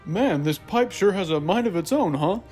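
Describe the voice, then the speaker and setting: Woman doing a friendly cartoon repair guy, lowish lilting voice, modest n folksy. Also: lively intonation, normal speed, a little mellow, soft background music, close to an everyday voice. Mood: easygoing. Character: kindly, easygoing male small-town repairman named Bob. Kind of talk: animated film dialogue.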